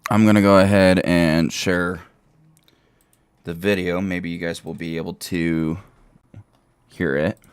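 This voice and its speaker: A man's voice: low voice, level tone, measured pace, pauses often, clear, resonant tone. A man hosting a casual gaming podcast over an online call, rambling with lots of fillers. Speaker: podcast host.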